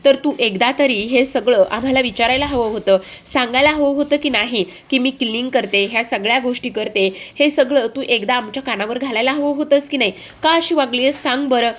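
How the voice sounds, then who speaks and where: A woman's voice: fairly high pitch, fairly quick, few pauses, close to an everyday voice. A woman voicing a haughty middle-aged woman who accuses others and complains, in a television serial recap. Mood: aggrieved.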